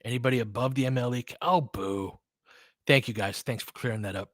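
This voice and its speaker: Here's a mid-range male voice moving briskly through live basketball commentary, casual and clipped, with replies to the chat mixed in. He's a podcast host, and the studio-quality audio carries no echo.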